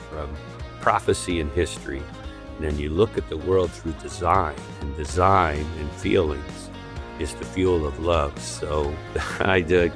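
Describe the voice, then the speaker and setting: A man with a very low voice hosts a podcast interview, speaking in measured phrases that tend to fade toward the end. Faint music sits underneath him. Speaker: podcast host.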